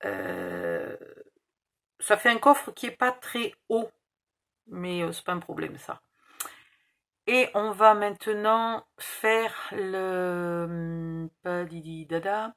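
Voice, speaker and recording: A woman's voice: mid-range voice, slow, a bit bright. A woman with a slight Provençal accent, hosting a casual crafting tutorial, thinking aloud over measurements and correcting herself. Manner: muttering measurements, self-correcting.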